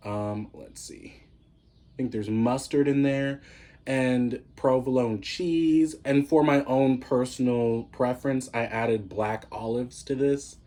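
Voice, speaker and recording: A man's voice: mid-range voice, steady tone, takes it slowly, warm tone. A young man chatting casually on his eating-show vlog, a little out of breath and laughing often as he savors his food. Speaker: mukbang vlogger.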